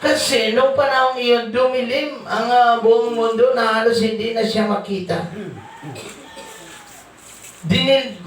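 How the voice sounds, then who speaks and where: A man preaching a sermon, slow and halting, mixing English scripture quotes into his talk. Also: high voice, a bit bright. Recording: echoey, distant hall sound with faint ambience.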